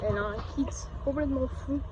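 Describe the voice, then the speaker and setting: A man giving excited commentary while spotting cars on a city street, gushing and stumbling over his words. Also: very high voice, fast. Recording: dull lo-fi phone audio with loud street noise.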